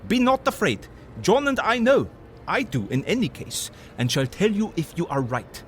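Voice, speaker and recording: Van Helsing, fervent older professor. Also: male voice, high-pitched, big pitch swings, moderate pace, a bit bright, a little hiss or hum. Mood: excited, eager. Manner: foreign, ungrammatical English, emphatic oratory. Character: earnest older male professor, vampire hunter, eccentric and fervent. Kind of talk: audio drama acting.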